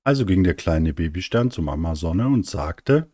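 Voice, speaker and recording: A man reading a German children's bedtime story aloud in a gentle, soothing way. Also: sits low, expressive, normal speed, no room sound, clean studio sound.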